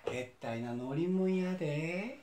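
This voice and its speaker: A man's voice: a little high, lively intonation, unhurried, dark tone, a little hiss or hum. Man playing a dead acrobat, Kansai accent, fretful, echoey room. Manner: showy patter, then fretful muttering. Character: boastful male acrobat, freshly dead.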